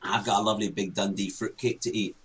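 A man's voice: lowish voice, fairly even intonation, quick pace. A middle-aged man co-hosting a show with blunt, emphatic, opinionated banter, often repeating himself. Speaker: co-host of a chat show.

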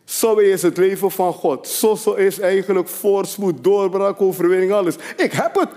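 A man preaching a sermon as an apostle, emphatic, swinging between low confiding asides and loud rising declarations. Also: normal speed, long reverb tail.

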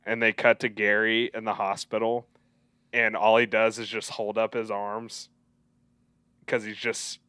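A man's voice: fairly low pitch, level tone, unhurried, pushed and bright, clean tone, dry recording. A young man co-hosting a casual podcast, eagerly retelling and quoting favorite movie scenes. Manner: enthusiastic retelling of film scenes, quoting lines. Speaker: podcast co-host.

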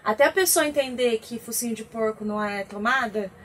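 A woman co-hosting a talk show, talking in a lively, chatty way. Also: fairly high pitch, brisk, slight background noise. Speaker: co-host. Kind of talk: casual talk show chat.

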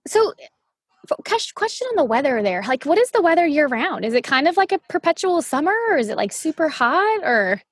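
A woman's voice: high voice, very animated, a little fast, dry recording. A woman from New Orleans hosting a casual podcast interview, upbeat and chatty, saying "like" a lot. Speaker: podcast host.

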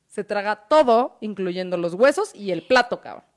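A woman with a Mexican accent retelling a myth in a casual chat, animated and full of slang and swearing. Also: mid-range voice, normal speed.

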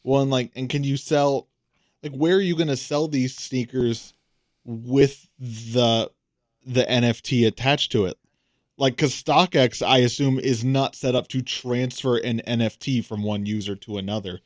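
A man co-hosting a casual podcast, talking in an animated, jokey way with playful voiced asides. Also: mid-range voice, a little slow, dry recording, studio quality. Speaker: podcast co-host. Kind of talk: casual chat.

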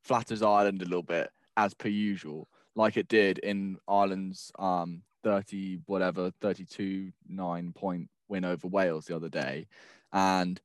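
A man's voice: deep voice, fairly even intonation, normal speed, no room sound. A man hosting a casual sports chat, teasing his co-hosts with banter. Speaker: podcast host.

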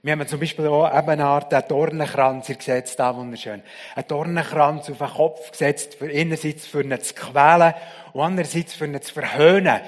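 A man preaching a sermon, telling the story dramatically and swinging from loud to hushed. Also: fairly high pitch, fairly even intonation, fairly quick, big-room sound.

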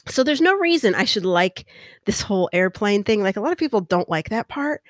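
A young adult woman from California with a chatty, animated manner, stretching words and dipping into whispers. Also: mid-range voice, no echo, clean studio sound. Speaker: host. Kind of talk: casual monologue.

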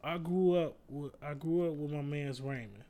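A podcast co-host with a warm, somewhat high voice speaks at a normal pace during a casual chat. He tells relaxed, slang-heavy stories peppered with profanity, laughing his way through each punchline.

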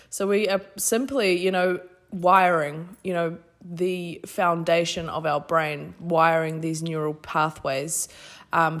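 A woman with a New Zealand accent hosting a podcast, giving an informal, effusive spiritual self-help talk. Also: fairly low pitch. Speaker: podcast host.

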